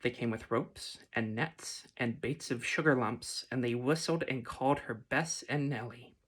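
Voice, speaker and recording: A man reads a fantasy storybook aloud in a soft, gentle ASMR manner. His voice sits at an ordinary middle pitch and stays unhurried. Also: breathy edge. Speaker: reader.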